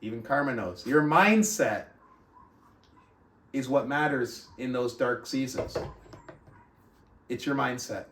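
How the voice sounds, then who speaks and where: With a fairly bright, mid-range voice and lively intonation, this book club host takes it slowly and pauses often as he reads aloud and coaches motivationally. He addresses listeners with rhetorical questions; the distant, roomy recording has slight background noise.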